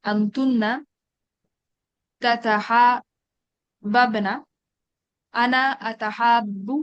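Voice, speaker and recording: A woman teaching an Arabic grammar class in an online meeting, reciting verb conjugations slowly and explaining in quick asides. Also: a little high, a bit bright, no echo, highs cut off. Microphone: online meeting call.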